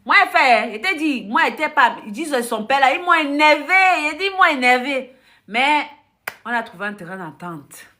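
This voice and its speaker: A woman's voice: sits high, moderate pace. A woman from Africa, a life coach, telling stories on a live stream. She laughs often, acts out conversations and talks bluntly to her viewers. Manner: animated storytelling with frequent laughter, acting out dialogue; blunt, direct addressing of the audience. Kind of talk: casual live-stream monologue.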